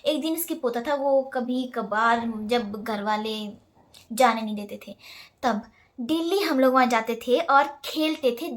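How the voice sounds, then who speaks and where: High-voiced chatty young woman vlogger. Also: a little slow. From Himalayan India. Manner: chatty storytelling, laughs often, slips into English phrases. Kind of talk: casual Q&A vlog.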